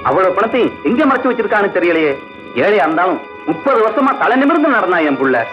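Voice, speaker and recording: An actor playing an angry, ashamed father-in-law accusing his son's wife, over loud music on a dull recording. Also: sits high, big pitch swings, fast.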